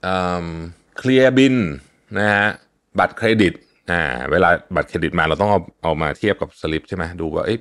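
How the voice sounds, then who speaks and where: A young man hosting a podcast, talking in a relaxed, chatty way with lots of fillers and polite particles. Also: deep voice, a little fast. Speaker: podcast host. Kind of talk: casual podcast talk.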